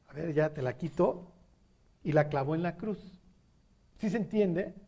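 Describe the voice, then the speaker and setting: A man's voice: high voice, dark tone. A man with a Mexican accent preaching a sermon, talking conversationally and often checking whether the audience follows. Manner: conversational, asks the audience questions.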